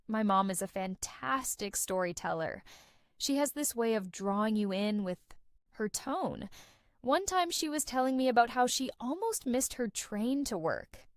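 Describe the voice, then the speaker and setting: A young adult woman hosting a podcast for English learners, narrating a script in an expressive, conversational way. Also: on the high side, no room sound, clean studio sound. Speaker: podcast host.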